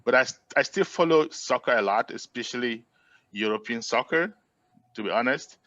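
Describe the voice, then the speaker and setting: A middle-aged man from Cameroon tells his story as a guest in a casual interview, sounding friendly and relaxed and using "uh" a lot. His pitch is medium and his pace moderate, and the recording is dry and muffled.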